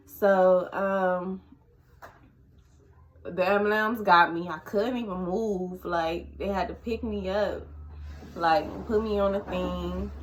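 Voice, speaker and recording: A woman vlogger telling a personal story to the camera, halting and emotional, with many fillers and restarts. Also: medium pitch, a bit bright, low-quality recording.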